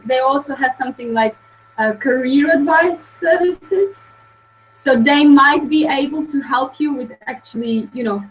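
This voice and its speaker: Young woman, webinar guest, halting delivery, fairly high voice. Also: slight background noise, rough recording. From Croatia. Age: young adult. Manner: hesitant, filler-heavy, many restarts. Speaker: guest speaker. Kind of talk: webinar presentation.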